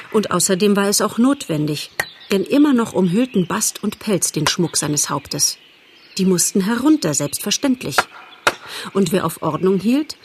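A woman narrates a storybook in a calm, measured way, her voice in a middle range. There is faint noise in the background. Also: mid-range voice. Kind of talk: audiobook reading.

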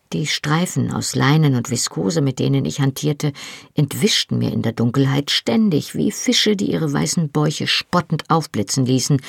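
An audiobook narrator reading a first-person novel in a lively, expressive way. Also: mid-range voice, creaky, breathy edge, no echo, clean studio sound.

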